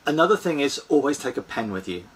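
A man's voice: mid-range voice, sing-song, fast, slightly rough. A man in his forties, seated in a small sailboat cabin, earnestly explains practical tips to a fixed camera close by. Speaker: sailing vlogger. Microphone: fixed camera at close range.

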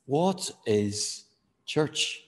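A man's voice: mid-range voice, animated. Man preaching in a reverberant church. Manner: measured preaching with fillers, slowing to stress key words. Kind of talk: sermon.

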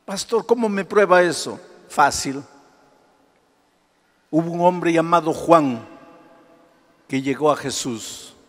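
A man pastor preaching a sermon, firing off rhetorical questions and swinging between hushed asides and loud exclamations. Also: fairly high pitch, takes it slowly, long pauses, long reverb tail.

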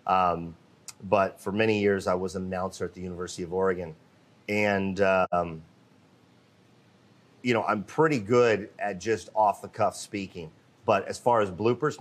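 A man hosting a live, unscripted company walkthrough in an indoor cabinet workshop. He speaks off the cuff into a handheld microphone, with many fillers and restarts. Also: low-pitched. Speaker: host of a live company show.

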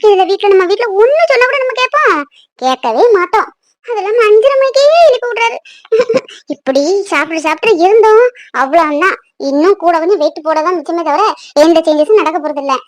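A woman's voice: very high voice, expressive, fairly quick, no room sound, clean studio sound. A woman voicing a restless young pregnant woman in a cartoon, grumbling to herself. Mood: fretful.

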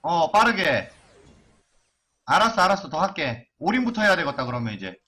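A man's voice: a little high, big pitch swings, brisk, pushed and bright. A man streaming an online game live, chanting and cursing as he gambles on item upgrades.

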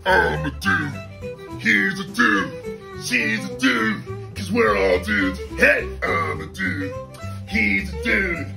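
Man with a deep gas-altered voice. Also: sing-song, slow, gravelly, over music. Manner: playful, sing-song, silly. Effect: deep voice from inhaling a heavy gas. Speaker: guest. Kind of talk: goofy comedy skit.

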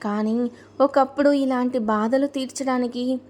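A grieving old grandmother of a large family, as a woman narrator puts her on, slow and heartfelt, in a fairly high voice. She is the matriarch of a storybook family. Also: steady tone, a little mellow. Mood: sorrowful.

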